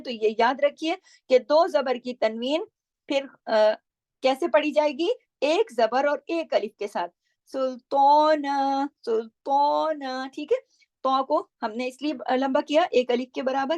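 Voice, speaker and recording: A woman teaching Quran recitation rules, patiently explaining and slowly repeating syllables to model each sound. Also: high-pitched, darkish tone, no room sound. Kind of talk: tajweed lesson, explaining pronunciation.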